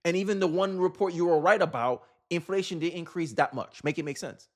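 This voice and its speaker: This American man briskly offers casual, opinionated political commentary in a fairly high voice. He sounds exasperated and emphatic, firing off rhetorical questions.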